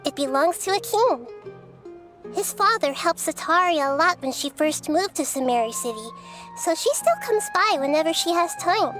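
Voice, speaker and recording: Nahida, a high-voiced wise little goddess. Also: female voice, expressive, a bit bright. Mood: calm, explaining. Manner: measured, earnest, storytelling. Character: small wise childlike goddess girl, calm, gentle. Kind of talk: scripted video game voice acting. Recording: background music.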